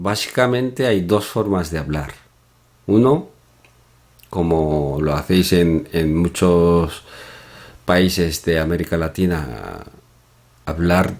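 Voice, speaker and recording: Man, very deep voice, unhurried lesson delivery. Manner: slow, deliberate explaining with pauses and soft hums. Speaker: Korean language teacher. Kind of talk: slide-based language lesson.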